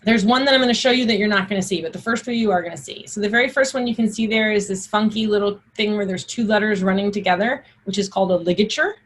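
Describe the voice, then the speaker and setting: A woman teacher with a husky, breathy edge to a middle-pitched voice takes listeners through Old English pronunciation. She explains informally, then sounds out and recites the old words with deliberate enunciation.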